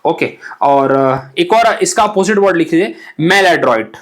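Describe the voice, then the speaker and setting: A man's voice: fairly high pitch, animated, unhurried. A man teaching English vocabulary for exam aspirants, explaining words in Hindi mixed with English and often checking "ठीक है?". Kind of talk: exam-prep vocabulary lesson.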